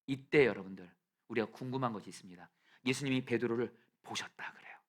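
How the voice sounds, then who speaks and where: A male pastor preaching a sermon in a church. He swings from soft near-whispers to loud shouted peaks and leads the congregation in reading scripture aloud. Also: medium pitch, quick pace. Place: church sanctuary.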